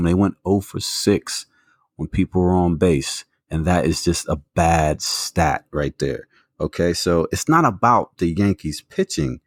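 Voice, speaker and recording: A man's voice: low voice, dry recording, studio quality. A man co-hosting a sports podcast, making his case with stats and lots of fillers. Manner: argues a point with stats, many fillers. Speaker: podcast co-host. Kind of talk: casual sports talk.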